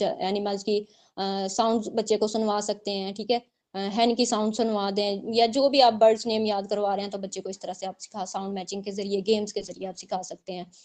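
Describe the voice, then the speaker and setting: A woman's voice: medium pitch, level tone, a little fast, a little mellow. A woman teacher, explaining points and checking in often with her online students. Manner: explanatory, repeats points with frequent "theek hai" checks. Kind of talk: online exam-prep lecture.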